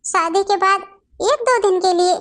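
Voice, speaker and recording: A meek young married daughter in a cartoon family story, as a woman acts her out, with a very high, soft, polite voice. She sounds gentle and a little hurt. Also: a little slow.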